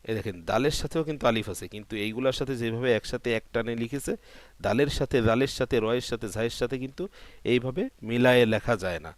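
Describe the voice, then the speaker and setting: A man with a Bangladeshi Bengali accent teaching Quran reading, explaining each point step by step and spelling out letter sounds slowly and repeatedly. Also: mid-range voice, dry recording. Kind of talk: patient spoken lesson.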